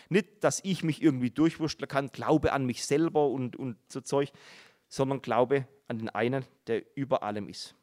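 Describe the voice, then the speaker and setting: A middle-aged man preaching a Bible-teaching sermon, earnest and explanatory, repeating words for emphasis. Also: medium pitch. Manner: earnest, explanatory, with many repetitions and asides.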